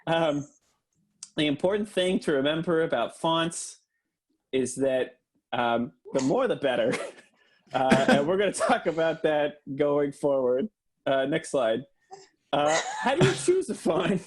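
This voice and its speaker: A man doing an earnest, deadpan mock lecture for a comedy podcast, with lots of hesitant fillers. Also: a little high, a little slow, a little hiss or hum.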